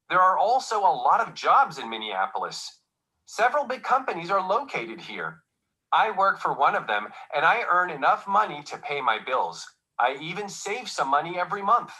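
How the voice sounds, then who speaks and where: A man's voice: a little high, pushed and bright, poor audio. A man playing a friendly adult man who praises his city, in a scripted textbook dialogue recording.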